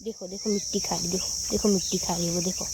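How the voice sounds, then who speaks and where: A woman's voice: steady tone, quick pace, creaky. A woman vlogging about her dog, chatting to viewers and repeatedly calling out to scold the dog. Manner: repeats "look, look", scolds her dog in sharp high calls. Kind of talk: casual vlog chat. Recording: outdoor noise with crickets.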